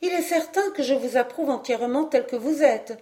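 A woman reading an audiobook, voicing a lively, teasing young woman with a playful, laughing manner. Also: sits high, moderate pace, pitched above the performer's own voice, natural voice.

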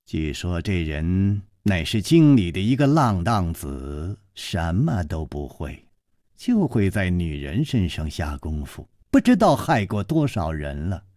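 A man voicing a fawning middle-aged man who talks in an ingratiating, low voice. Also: big pitch swings, measured pace, mellow, no room sound, clean studio sound.

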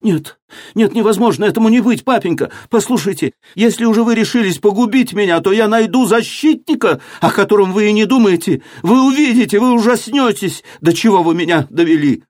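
A man's voice: medium pitch, animated, measured pace, hardly any pauses, dark tone, no room sound, clean studio sound, pitched above the performer's own voice. A man voicing a young noblewoman who pleads tearfully with her father. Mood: desperate. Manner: tearful, pleading, rising to a cry.

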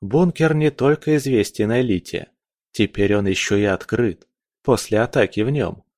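Man voicing a calm, reasoning necromancer. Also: lowish voice, moderate pace, dry recording, clean studio sound, natural voice. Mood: calm, persuasive.

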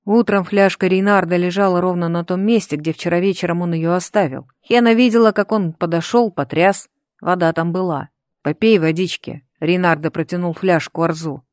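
Woman reading a novel, lowish and dry. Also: fairly even intonation, fairly quick, a little mellow, no echo. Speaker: audiobook reader. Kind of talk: scripted audiobook narration.

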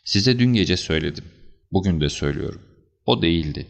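A man voicing a calm, assured detective who explains things in a measured, slightly stern way, for an audiobook. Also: low voice, vocal fry. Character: calm, assured male detective, cool and deliberate. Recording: slightly dull lo-fi recording.

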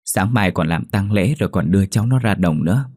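A man voicing a gentle village man who coaxes a grieving old woman to rest. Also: deep voice, fairly quick, no room sound, studio quality. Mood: soothing. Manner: soothing, coaxing.

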